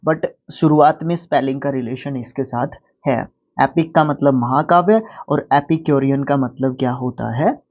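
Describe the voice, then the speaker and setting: A man with an Indian accent teaching a vocabulary lesson, explaining words and reading English definitions slowly. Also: mid-range voice, darkish tone, lo-fi sound.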